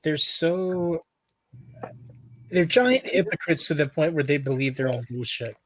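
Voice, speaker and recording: A man's voice: on the high side, measured pace, dry recording. A man co-hosting a podcast, chiming in with brief points in casual chat. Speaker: podcast co-host.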